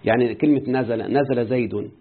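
A man's voice: mid-range voice, fairly even intonation, fast talker, breathy edge. A man with an Egyptian accent teaching an Arabic grammar lesson and often quizzing his students. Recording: muffled phone-like lo-fi audio.

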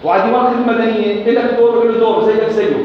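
A man with a Levantine Arabic accent preaches in a high, fast, impassioned voice. He drives his points home with repeated phrases and sworn oaths. His voice booms through a big echoing hall with a long reverb tail, with faint noise underneath. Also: fairly even intonation. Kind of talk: sermon. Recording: echoey hall, dull lo-fi recording.

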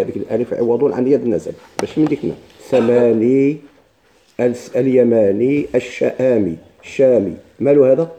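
A man's voice: medium pitch, dark tone. A man with a Moroccan Arabic accent teaching a classroom grammar lesson, explaining step by step and asking his own questions.

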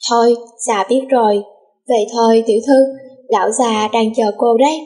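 A woman's voice: fairly high pitch, fairly even intonation, moderate pace, mellow, natural voice. A woman voicing an old, loyal male butler in an audiobook, fond and deferential.

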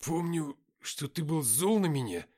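A man voicing a young male writer, scared and then hostile, in a loud, strained, higher voice. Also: lively intonation, measured pace, breathy edge. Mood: groggy.

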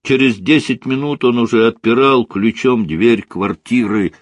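A man reading a story aloud as an audiobook narrator in an expressive, storytelling manner. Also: medium pitch, a little slow, no room sound. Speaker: audiobook reader.

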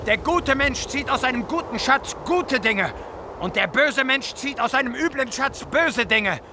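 An actor playing Jesus as a fervent, commanding preacher, reciting scripture solemnly and declaiming it in a radio play. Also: male voice, very high voice, expressive, measured pace, bright, forceful tone, a little hiss or hum, full character voice. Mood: angry denunciation.

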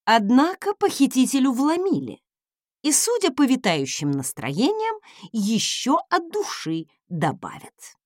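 A woman narrates a first-person audiobook in a wry voice, slightly high and swooping widely in pitch. She reads slowly, and the recording is dry and close-miked. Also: huge pitch swings, no echo.

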